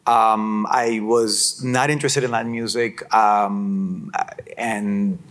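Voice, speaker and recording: A man in his forties, from Israel, answers questions on a conference stage through a lapel mic. His voice is fairly low, and he speaks easily, circling back and repeating words as he gathers his thoughts. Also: slow. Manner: relaxed, repeats words while thinking. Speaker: music executive panelist. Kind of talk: conversational panel answer. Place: conference stage before an audience.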